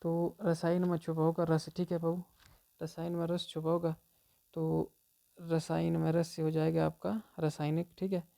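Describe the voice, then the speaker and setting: A man coaches exam students through memory tricks in a loose, conversational way, checking in with "theek hai" after nearly every phrase. His voice is gravelly and dark in tone. He delivers it all on a flat, even line with little rise or fall. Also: a little high, normal speed. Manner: repeats "theek hai" constantly, chatty and informal.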